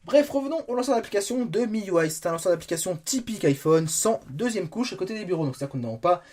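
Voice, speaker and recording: A man's voice: high-pitched, lively intonation, racing, a little mellow. A young man talking through a phone review in a casual, rambling way, often correcting himself as he demonstrates features on screen. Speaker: tech reviewer. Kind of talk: casual spoken product review.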